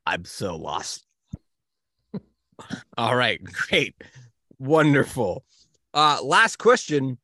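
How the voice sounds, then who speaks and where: A man's voice: medium pitch, wildly swooping pitch, very slow, long pauses, bright, forceful tone, no room sound, clean studio sound. A man moderating a mock-formal comedy podcast debate in a wry, mock-formal way.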